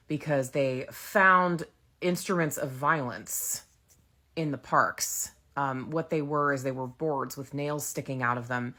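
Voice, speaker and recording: A woman's voice: sits low, a bit bright. An American woman giving informal political commentary as a vlogger, blunt, emphatic and exasperated, her voice slightly muffled through a face mask. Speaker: vlogger, feminist lawyer commentator.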